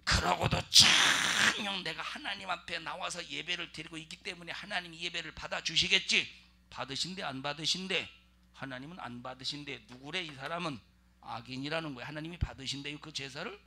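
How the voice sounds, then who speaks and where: Korean pastor, gravelly and bright. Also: male voice, on the high side, normal speed. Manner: preaching with sudden loud emphasis and repeated questions to the congregation. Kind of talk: sermon with congregational reading.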